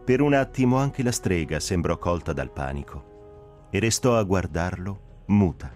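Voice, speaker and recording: A man narrating a dramatic audiobook reading, expressive and shaped by the drama. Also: low-pitched, a little slow, faint music behind. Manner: expressive, rising and falling with the drama.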